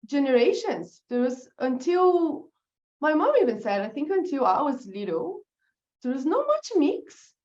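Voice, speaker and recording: A woman's voice: sits high, sing-song, a little slow, darkish tone, dull audio. A woman from Brazil with a Brazilian Portuguese accent, a guest in a casual interview who laughs often and sometimes searches for words. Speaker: guest, business founder.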